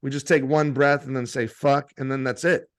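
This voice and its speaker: A man's voice: medium pitch, level tone, moderate pace. A young adult man, a meditation teacher and guest, chatting casually with lots of "like" and swearing. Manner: casual, heavy use of "like" and swearing. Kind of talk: casual interview chat.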